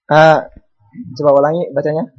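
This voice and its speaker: A man's voice: a little high, flat delivery, normal speed, lo-fi sound. A man teaching an Arabic class, calling on students to read and patiently repeating words and their meanings.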